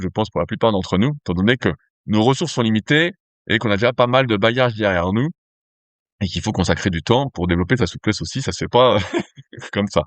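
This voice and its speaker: On his podcast, a man who hosts the show and cofounded a nutrition company explains strength training, speaking casually with fillers and false starts. He has a medium-pitched voice, recorded without echo.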